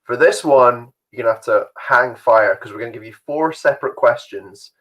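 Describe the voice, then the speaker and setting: A man's voice: medium pitch, normal speed, a bit bright, low-quality recording. A young man hosting an online youth quiz from home, chatty and rambling, laughing often. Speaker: youth group host.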